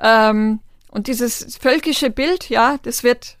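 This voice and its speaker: As an interview guest, a woman answers questions earnestly and in a measured way, using small fillers while she collects her thoughts. Her slightly high voice is smooth and clear, recorded dry and close with no room sound.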